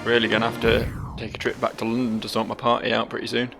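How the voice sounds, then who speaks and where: Creaky-voiced man doing dry gaming commentary. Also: medium pitch, completely flat delivery, fast. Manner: dry, sardonic, sweary. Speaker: gaming video host. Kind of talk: casual let's play commentary. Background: game music.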